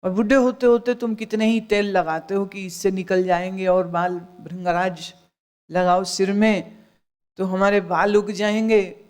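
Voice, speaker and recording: A woman's voice: medium pitch, steady tone, unhurried, darkish tone. A woman spiritual teacher giving a discourse, scolding with rhetorical questions and dropping in English phrases.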